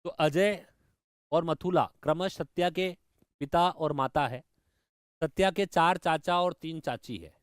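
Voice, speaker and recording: Enthusiastic male reasoning teacher, crisp voice. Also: a little high, unhurried, dry recording, studio quality. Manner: enthusiastic, talks to students directly, mixes in English terms. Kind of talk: online exam-prep lecture.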